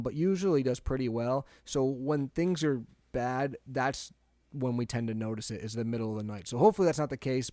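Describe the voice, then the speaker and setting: A young podcast co-host chats loosely, laughing easily and getting animated as he tells stories. His middle-pitched voice sounds dry and close, with no room or echo around it.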